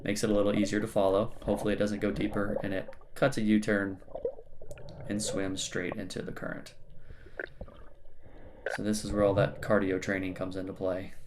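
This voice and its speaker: A man's voice: on the low side, monotone, normal speed, noisy background. A man, hosting a spearfishing channel, talks through his dive footage in a plain-spoken, matter-of-fact voice-over that explains each moment as it comes.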